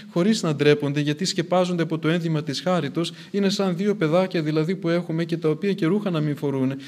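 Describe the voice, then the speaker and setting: A man's voice: on the high side, a little mellow. A man preaching a sermon in an earnest way, repeating phrases for emphasis as his intensity rises and falls.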